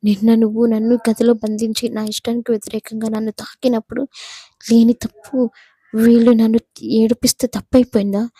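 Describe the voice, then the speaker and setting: A woman voicing a young female college student who is defiant and tearful, loud and accusing, in a Telugu audio story. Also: on the high side, little pitch movement, normal speed, husky, no echo.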